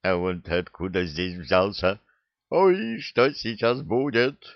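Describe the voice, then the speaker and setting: A man voicing a brash, jumpy young male orc who talks roughly and blurts things out. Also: on the low side, slow, no room sound, dull audio. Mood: alarmed.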